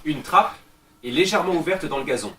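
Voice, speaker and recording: A man reading the stage directions of a play, calm and measured. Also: a little high. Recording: roomy, distant mic, faint noise.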